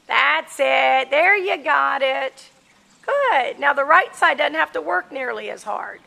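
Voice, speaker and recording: A woman coaching a riding lesson, giving brisk, projected commands in short clipped phrases. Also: sits high, gravelly, bright, forceful tone. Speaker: horse riding instructor. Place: outdoors in a large open-sided covered riding arena.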